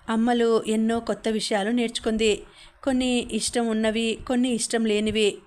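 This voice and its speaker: A woman narrating a novel as an audiobook reader, in a steady storytelling manner. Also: a little high. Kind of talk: scripted narration.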